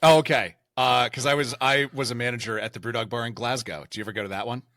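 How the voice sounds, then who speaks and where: Bright-voiced rambling male podcast host. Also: mid-range voice, quick pace, vocal fry, no room sound. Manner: rambling, excitable, heavy on fillers. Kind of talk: casual podcast chat.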